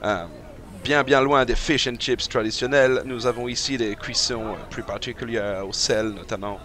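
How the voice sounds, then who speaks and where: A man's voice: medium pitch, fairly even intonation, moderate pace, sharp tone, natural voice. A man playing a boastful celebrity chef in a tabletop game, pompous and dropping phrases into his speech. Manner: pompous, self-important, mixing English phrases. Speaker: player. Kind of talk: tabletop role-play in character.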